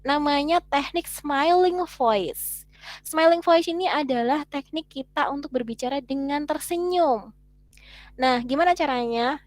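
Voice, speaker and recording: A woman from Indonesia teaches a class over a video call in a lively, chatty way, often turning to the audience with questions. Her voice sits high. The sound is dry and close, with no room echo. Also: unhurried. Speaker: webinar teacher. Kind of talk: online teaching lecture.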